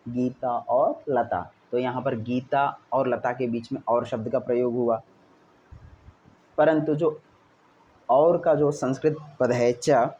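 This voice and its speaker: A man teaching Sanskrit grammar to schoolchildren, reading each example sentence slowly and then giving its meaning. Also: medium pitch, mellow. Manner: repeats each example with a Hindi gloss. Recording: dull lo-fi recording with faint hiss.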